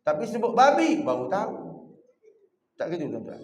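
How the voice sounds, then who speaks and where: Malaysian guy preaching at the mosque, kinda high voice, jokey and animated, big echoey hall. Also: moderate pace. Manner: jokey, animated, keeps addressing the congregation. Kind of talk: mosque evening lecture.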